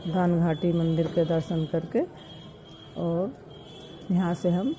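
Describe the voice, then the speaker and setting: A woman's voice: on the low side, flat delivery, slow pace, mellow, soft background music. A woman narrating a travel vlog, showing viewers around temples outdoors. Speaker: vlogger. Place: outdoors at crowded temple sites. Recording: crowd noise around. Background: crowd noise.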